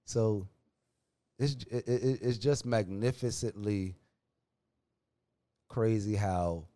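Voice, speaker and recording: A man hosting a podcast, talking casually and heatedly in slang, his pitch jumping when he gets worked up. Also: slow pace. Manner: animated, slangy, calls listener "dog"; restless pitch, rises sharply when worked up. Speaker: podcast host. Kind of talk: casual opinion talk.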